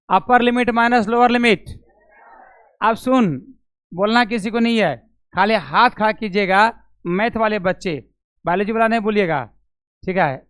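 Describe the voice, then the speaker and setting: High-voiced man teaching a noisy class. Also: a bit bright, clean tone, no room sound. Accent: Bihari Hindi. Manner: questions students, repeats steps aloud, calls on them by name. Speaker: physics teacher. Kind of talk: classroom lecture. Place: classroom with students.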